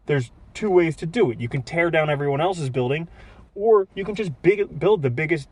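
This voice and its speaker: A man co-hosting a podcast, telling animated stories and cracking jokes. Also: fairly high pitch, moderate pace, no echo. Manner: storytelling, joking, animated. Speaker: podcast co-host. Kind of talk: casual chat.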